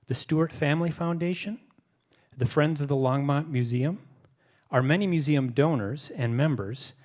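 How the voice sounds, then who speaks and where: A man introduces an online museum reading, working through a prepared script. His delivery is measured and formal, like an announcer. His voice sits in an ordinary middle pitch. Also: darkish tone. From United States. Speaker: museum host.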